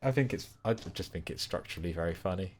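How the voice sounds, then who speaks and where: Low voice guy on a songwriting podcast, self-deprecating, laughs a lot. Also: lively intonation, quick pace, slight background noise. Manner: laughs often, self-deprecating, puts on silly inner voices. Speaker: podcast co-host. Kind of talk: casual chat about songwriting.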